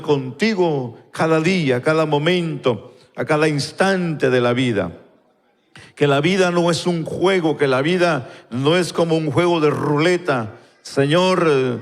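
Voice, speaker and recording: Man, pastor, unhurried prayerful delivery, fairly high voice, long church-hall reverb. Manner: slow, fervent, repeats "Señor" between phrases. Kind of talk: spoken prayer and sermon. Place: church sanctuary, recorded live.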